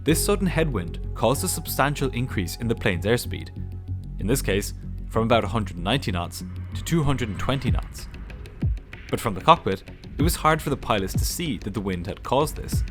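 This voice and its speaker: A man giving scripted documentary narration in a measured, explanatory way. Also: mid-range voice, big pitch swings. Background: music.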